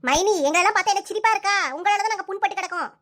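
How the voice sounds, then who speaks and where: Woman doing a squeaky quarrelsome sister-in-law, Kanyakumari Tamil accent, fast talker, cartoon skit. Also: fairly bright tone. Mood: sulky. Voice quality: high shrill cartoon voice. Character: bickering young village sister-in-law Swetha. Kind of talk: cartoon comedy dialogue.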